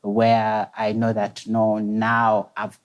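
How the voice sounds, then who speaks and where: A young man, a guest telling his personal story softly and hesitantly at a dinner table, with many pauses. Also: on the low side, completely flat delivery, smooth. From Zambia. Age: 20s. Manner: soft-spoken, hesitant, many pauses and restarts. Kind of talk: personal story in a talk show. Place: indoor dining room set at a table.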